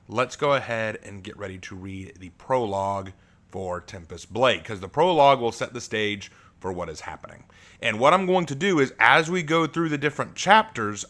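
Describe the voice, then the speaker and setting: This is an author with a deep male voice, relaxed as he talks with the audience on his stream and then reads his fantasy prologue out loud. His speech has fillers and false starts.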